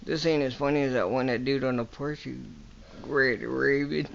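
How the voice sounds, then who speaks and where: A man with a creaky, gravelly voice at an average pitch keeps time off camera. He throws in casual teasing remarks on a dull, slightly noisy home recording. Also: steady tone, moderate pace, fairly bright tone. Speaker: off-camera timekeeper. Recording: dull lo-fi home video, faint noise.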